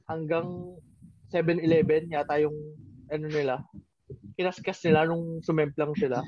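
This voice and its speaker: A man's voice: a little high, steady tone, moderate pace, dry recording. Young man, casual podcast chat, rambling, fillers, dry close sound, lo-fi. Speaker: podcast co-host. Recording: dry muffled lo-fi audio.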